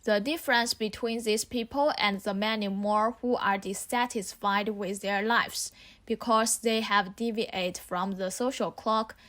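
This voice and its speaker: A woman in her early twenties from southeast China, giving measured, reflective scripted narration for a documentary. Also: mid-range voice, fairly even intonation, a bit bright. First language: Chinese. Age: early 20s.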